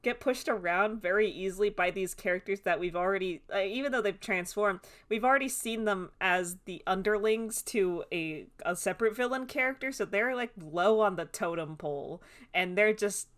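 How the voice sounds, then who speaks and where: A woman's voice: medium pitch, moderate pace, few pauses, a bit bright. A woman co-hosting a podcast in casual chat, rambling with many fillers and often breaking into giggles. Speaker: podcast co-host.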